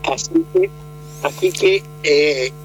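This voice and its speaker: A man's voice: a little high, huge pitch swings, slow pace, faint music behind, rough recording. A man, explaining politics conversationally, with many hesitations and restarts. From Argentina. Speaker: political commentator.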